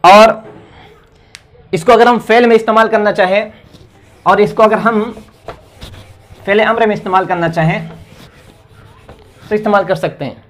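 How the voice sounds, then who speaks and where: A man from India teaching English grammar, slowly reading out English example sentences and translating each one, then giving encouraging advice. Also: high voice, fairly even intonation, fairly bright tone. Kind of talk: spoken grammar lesson.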